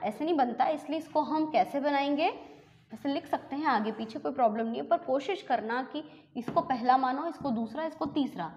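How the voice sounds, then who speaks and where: A woman teaching chemistry step by step, asking questions and then answering them herself, often adding a quick 'है ना'. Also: high voice, a little mellow. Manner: explains step by step, asks and answers her own questions. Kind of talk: classroom lesson. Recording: dull, lo-fi recording with long reverb.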